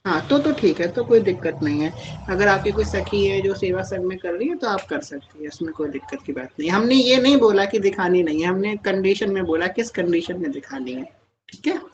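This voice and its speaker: Calm woman spiritual guide, mid-pitched, teaching patiently on a live call with faint noise behind her. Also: brisk, highs cut off. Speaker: spiritual guide answering devotees. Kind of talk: devotional Q&A talk on a live call.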